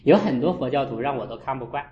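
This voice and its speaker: A man, a Buddhist monk, giving a storytelling dharma talk and acting out his own scolding with sharp jumps in voice. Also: medium pitch, expressive, fast. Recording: echoey, dull lo-fi room.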